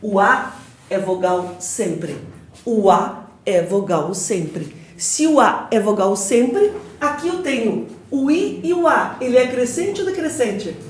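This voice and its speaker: A woman's voice: on the high side, animated, takes it slowly, slight background noise. A Brazilian woman teaching an exam-prep grammar lecture to a class, firing questions and drilling answers in call-and-response. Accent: Brazilian Portuguese. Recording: echoey classroom, mic at a distance.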